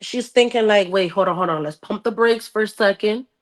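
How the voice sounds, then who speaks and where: Speaking briskly at medium pitch, a woman hosting a book club podcast is emphatic and full of slang, repeating phrases often. Her casual chat switches between two languages and includes dramatized retellings.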